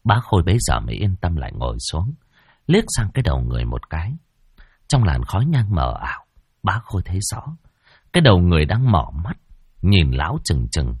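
A man's voice: low-pitched, big pitch swings, brisk, a little mellow, breathy edge, dry recording, clean studio sound. A man narrating a ghost story dramatically.

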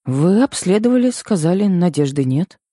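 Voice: medium pitch, lively intonation, moderate pace, warm tone, dry recording, clean studio sound, pitched above the performer's own voice, close to an everyday voice. A reader voicing an unsure nurse who mumbles her answers in an audiobook. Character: unsure plump woman nurse, hesitant.

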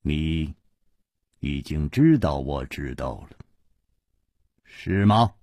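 A man voicing a shrewd wandering swordsman hero who speaks calmly and knowingly, slightly husky. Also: very deep voice, dry recording, studio quality, voice pushed down, exaggerated voice. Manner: calm, knowing, unhurried.

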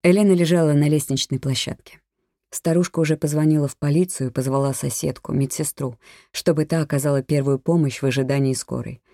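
An audiobook narrator giving a measured, even reading of a crime thriller. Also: medium pitch, dry recording, clean studio sound.

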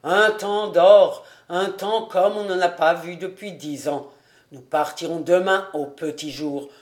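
A reader doing a booming jolly tax collector. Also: a little slow, close to an everyday voice. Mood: jubilant. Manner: booming, exuberant, exclaiming. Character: jovial stout middle-aged male tax collector. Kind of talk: audiobook character reading.

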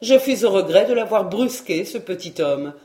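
A woman narrating a classic novel as an audiobook in a measured, expressive reading. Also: medium pitch, roomy sound.

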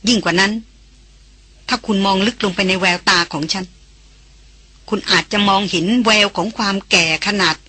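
A woman's voice: medium pitch, moderate pace, pauses often, breathy edge, dry recording. A woman voicing a worldly, teasing foreign lady. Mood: knowing. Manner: gently mocking, older-sister tone. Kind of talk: audiobook character reading.

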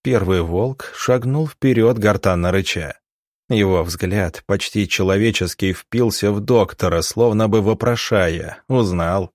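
A man narrating an audiobook in a steady, dramatic storytelling manner. His voice sits low. The recording is dry and close, with no room sound. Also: unhurried, dry recording. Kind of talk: scripted narration.

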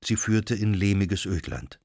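A male narrator reads a literary novel aloud with measured, expressive phrasing. His voice sits on the low side and is recorded close and dry, with no room around it. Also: creaky, no echo. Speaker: audiobook narrator.

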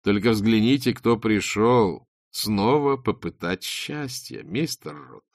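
A man voicing a scheming male TV producer who speaks calmly and smugly. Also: on the low side, slow, no room sound, clean studio sound.

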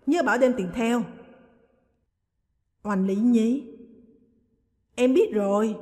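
A woman narrating a story in an even, measured reading. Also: mid-range voice, in a large hall. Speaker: audiobook narrator.

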